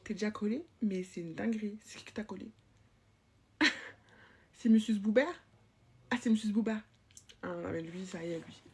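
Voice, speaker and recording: A woman performing a point-of-view comedy sketch as a chatty young school supervisor, teasing and gossiping with pupils, swinging between loud scolding and soft confiding asides. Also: medium pitch, normal speed, long pauses, a little hiss or hum.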